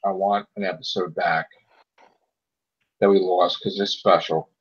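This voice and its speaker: A podcast co-host, this man chats casually yet pushes his opinions hard, often repeating a point for emphasis. His deep, slightly rough voice is flat and a little slow, and the audio is muffled and lo-fi.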